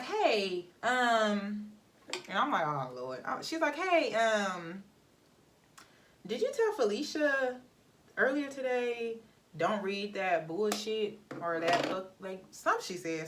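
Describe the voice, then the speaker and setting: A woman's voice: lowish voice, slight background noise. A young woman vlogger chatting animatedly to viewers while doing her hair, telling a story about work. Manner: animated, talks to viewers as y'all. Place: home, getting ready. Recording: voice somewhat far from mic.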